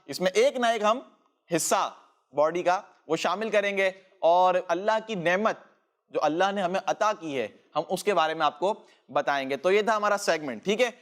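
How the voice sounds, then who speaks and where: High-voiced man teaching children patiently. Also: a bit bright. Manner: patient, repeats phrases for call-and-response. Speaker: children's show host. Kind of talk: teaching children religious lessons.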